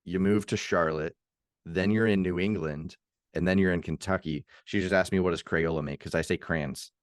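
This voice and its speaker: A man's voice: low voice, steady tone, a little fast, clear, resonant tone, no echo, studio quality. A man co-hosting a casual podcast chat, rambling off on tangents and laughing often. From United States. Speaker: podcast co-host.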